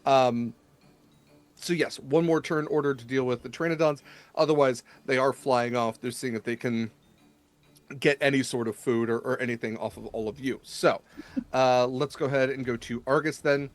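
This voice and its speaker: Here a man serves as the tabletop game master, narrating off the cuff with a stop-start, casual delivery. His mid-range voice keeps a fairly even intonation.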